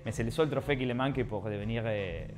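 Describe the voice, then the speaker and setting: A man from Argentina with an Argentine Spanish accent, a restaurant owner speaking earnest, slightly halting French in a recorded testimony. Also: mid-range voice, faint music behind.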